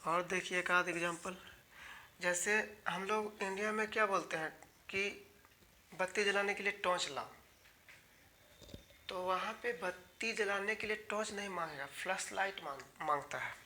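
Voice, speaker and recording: A man from India teaches an online English grammar lesson. His voice is bright and a little sharp. He explains patiently, speaks directly to his students and repeats each key word as he goes. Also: high voice, measured pace, slight background noise.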